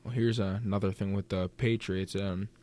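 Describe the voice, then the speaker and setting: A man co-hosting a casual chat in a relaxed way. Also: lowish voice, moderate pace.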